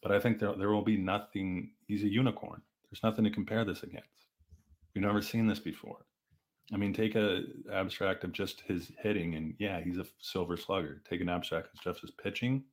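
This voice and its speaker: Deep-voiced man chatting sports. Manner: animated, fast back-and-forth with restarts. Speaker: podcast co-host. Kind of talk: casual sports chat.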